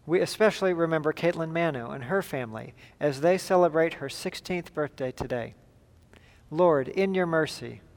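A man leading liturgical prayer as a pastor, in a solemn, measured and formal way, with a long cathedral-like echo. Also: on the high side. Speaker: pastor leading a church service. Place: large reverberant church.

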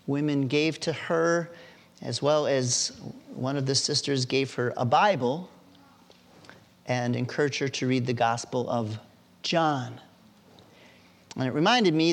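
A man preaching a sermon as a pastor in a church, deliberate and emphatic. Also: mid-range voice.

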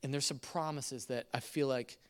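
A middle-aged man preaching a conversational sermon, telling stories with laughs and swings from loud to soft. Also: medium pitch, moderate pace. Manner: conversational, animated storytelling with laughs. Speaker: pastor.

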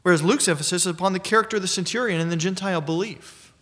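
Male preacher, slightly higher voice, measured emphatic sermon delivery. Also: a bit bright. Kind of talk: expository sermon.

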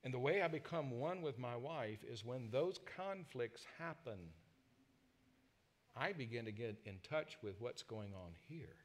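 A man's voice: medium pitch, animated, a little slow. Emphatic male preacher telling stories. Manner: emphatic, swings from loud stresses to quiet asides; personal storytelling to the congregation. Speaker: pastor. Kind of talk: sermon.

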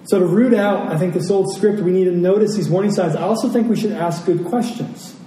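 An American pastor delivers a conversational sermon, reflective in manner and repeating phrases for emphasis, in a warm voice that sits high. The recording sounds roomy, captured from a distant mic with faint noise.

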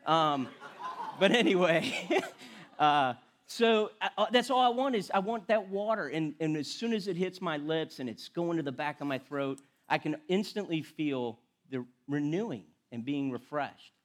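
A middle-aged man preaches in a casual, self-deprecating way, chatting with his church and stumbling over restarts. He mixes everyday stories into the sermon, and he sounds relaxed and conversational. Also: fairly high pitch, normal speed. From Florida. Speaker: lay preacher and firefighter. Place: church sanctuary.

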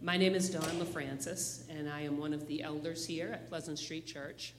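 A man's voice: on the high side, steady tone, normal speed, background noise. A man speaking as a church elder, addressing the congregation with announcements and public prayer. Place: church sanctuary. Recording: long hall reverb.

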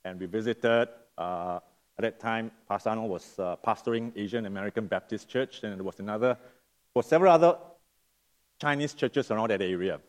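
A middle-aged guest preacher from Singapore delivers a sermon in a friendly, unhurried way, often stopping to rephrase. A lingering cough makes him sound nasal, and his voice is lowish.

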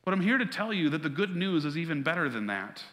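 A man's voice: fairly high pitch, sing-song, quick pace, fairly bright tone, in a large hall. A man preaching a sermon as pastor, earnest and conversational, weaving a personal story into his teaching.

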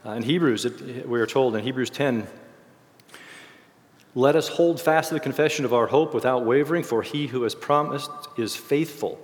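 Getting over a cold leaves this church teacher's medium-pitched voice a little worn and faltering. Leading a discipleship series, he talks a group through an informal Bible lesson in halting, self-correcting explanations, and the large room gives the recording a reverberant hall quality.

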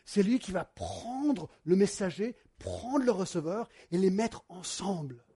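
A man, a pastor preaching a sermon and telling stories to his congregation in a lively way. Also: high-pitched, unhurried, breathy edge. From United States. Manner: animated storytelling, addresses the congregation directly.

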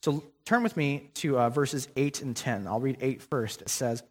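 Long reverb fills the church sanctuary as a young guest preacher speaks at a moderate pace with medium pitch. His sermon is conversational, peppered with ums and frequent restarts.

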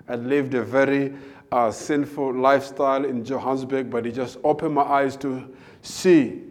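A man, a guest preacher giving his personal testimony with many hesitant filler pauses. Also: mid-range voice. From South Africa. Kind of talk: personal testimony before a sermon.

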